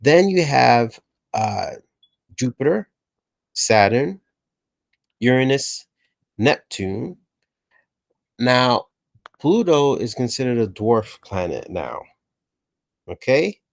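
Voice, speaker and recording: Here a man explains a science reference table like a teacher in explainer lesson narration, keeping it casual and dropping in "okay" and "right" often. His mid-range voice is sing-song and slow, with vocal fry and long pauses, and there's no echo.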